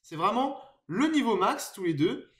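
High-voiced French man explaining software. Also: sing-song, measured pace. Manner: explanatory, hesitant with many fillers. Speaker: tech YouTuber reviewing a microphone. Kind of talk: casual screen-share tutorial. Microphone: USB desk microphone under test.

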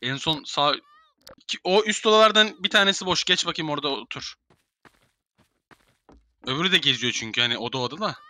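A man's voice: fairly high pitch, lively intonation, fairly quick, long pauses, pushed and bright, dry recording. A young man in casual game voice chat, bossily herding players into rooms and swearing. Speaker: gamer streamer.

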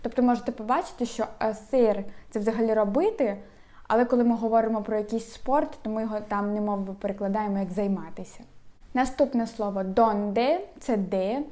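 A young woman with an upbeat manner who teaches a language lesson and repeats each phrase slowly so learners can follow. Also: mid-range voice, dark tone. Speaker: Spanish teacher.

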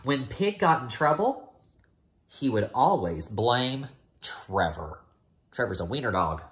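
Reading a picture book to first graders from a small room at home, this American man in his thirties adds offhand comments along the way. He speaks slowly in a mid-range, fairly bright voice with big pitch swings, recorded on a phone or laptop held at arm's length with slight background noise.

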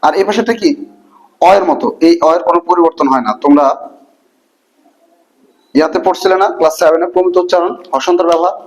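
A man's voice: high-pitched, fast talker, long pauses, poor audio. Man teaching a class. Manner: asks the class repeated questions, colloquial. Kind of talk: classroom grammar lesson.

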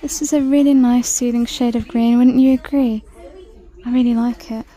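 A woman chatting through a shopping walk-through in a large store, reading out prices and sometimes dropping to a soft whisper, filmed on a handheld phone. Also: on the high side, steady tone, moderate pace. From United Kingdom. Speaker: shopping vlogger. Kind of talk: casual shop-with-me commentary. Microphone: handheld phone camera.

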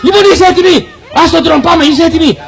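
A man performing a magic show for children at an outdoor carnival, with animated, teasing patter and calls to the crowd. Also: extremely high pitch, vocal fry. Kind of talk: playful live show patter.

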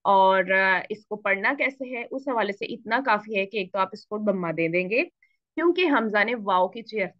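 A woman teaching Quran recitation rules to beginners. She asks questions and answers them herself, mixes in English words, and stretches syllables out slowly when she shows a reading. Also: medium pitch, animated, no room sound, dull audio. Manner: slow, drawn-out syllables when showing a reading. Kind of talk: explaining rules to beginner students.

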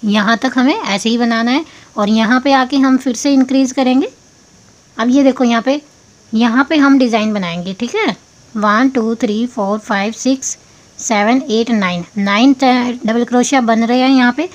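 A woman's voice: on the high side, normal speed. A woman hosting a crochet tutorial, explaining each step patiently and counting stitches aloud.

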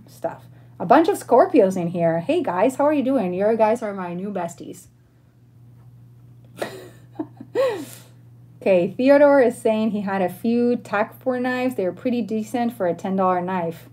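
Her voice sits in the middle range, with a darkish tone and a breathy edge. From an indoor bedroom setting, the thirty-something Argentine host chats in a friendly, easygoing way on her livestream, taking questions from viewers.

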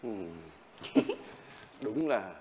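An actor playing a scheming uncle, who talks in a boastful, teasing way. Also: male voice, mid-range voice, expressive, very slow, warm tone, muffled recording, slight background noise. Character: scheming, self-satisfied uncle. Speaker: uncle in a TV drama.

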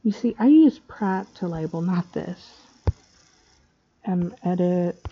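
Woman, slightly slurred retainer speech, unhurried, scatterbrained tutorial talk, dull lo-fi recording. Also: on the low side, animated, slightly rough. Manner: scatterbrained, hesitant. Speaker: tutorial maker. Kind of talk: casual screen-recorded software tutorial.

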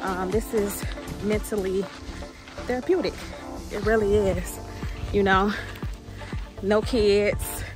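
A woman's voice: mid-range voice, fairly even intonation, takes it slowly, long pauses, music in the background. A woman vlogging outdoors on a walk, out of breath, upbeat and encouraging, often asking "right?" and saying "y'all". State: out of breath while walking. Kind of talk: casual motivational vlog. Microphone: phone camera held by a companion.

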